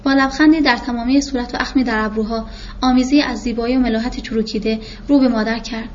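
A woman narrating a first-person novel in a reflective, measured way, in a muffled recording with faint hiss. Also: fairly high pitch, steady tone, darkish tone. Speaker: audiobook narrator.

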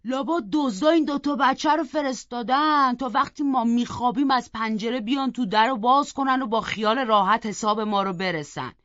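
Lady playing a rough loud servant man, yelling accusations, kinda high. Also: hardly any pauses, no room sound, highs cut off, close to an everyday voice. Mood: accusing. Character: male household servant, gruff and accusing.

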